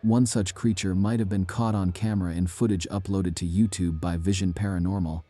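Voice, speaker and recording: A man giving a measured, ominous scripted narration of eerie true stories. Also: sits low, fairly even intonation, dark tone.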